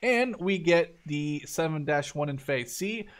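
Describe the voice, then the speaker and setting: Speaking in an unhurried, slightly high voice with lively intonation, this Dutch man in his twenties, from Canada or the Netherlands, makes gaming videos. His commentary is informal and enthusiastic, with plenty of swearing.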